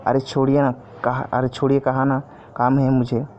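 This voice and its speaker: A man's voice: medium pitch, monotone, moderate pace, darkish tone, natural voice. A man voicing a busy, tired young wife who pleads and coaxes her husband. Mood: coaxing. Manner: pleading, coaxing. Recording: dull lo-fi audio with faint noise.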